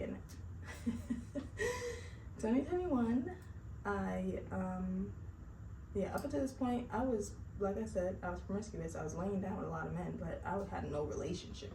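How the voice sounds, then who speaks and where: A woman in her late twenties telling her personal faith testimony in an earnest, chatty way, with lots of fillers. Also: on the low side. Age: 20s. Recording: roomy, distant mic, noisy background.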